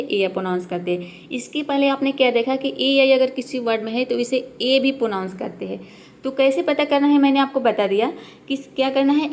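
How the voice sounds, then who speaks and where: A woman's voice: on the high side, slight background noise. A woman teaching English pronunciation step by step, asking questions and answering them herself. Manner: explains step by step, asks and answers her own questions. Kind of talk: classroom-style pronunciation lesson.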